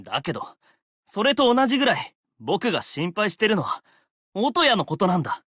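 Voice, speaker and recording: A man's voice: high voice, huge pitch swings, very fast, fairly bright tone, slightly rough, no room sound, clean studio sound, full character voice. A man voicing a sincere young man in a game who speaks up as a caring best friend. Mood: earnest. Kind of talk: Japanese game voice acting.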